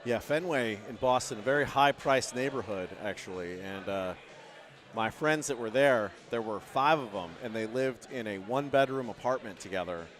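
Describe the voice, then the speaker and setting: A man doing casual color commentary at an axe-throwing event, telling rambling stories in a relaxed way. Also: mid-range voice, normal speed. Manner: rambling, laid-back storytelling with laughs. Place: on a platform at the event venue.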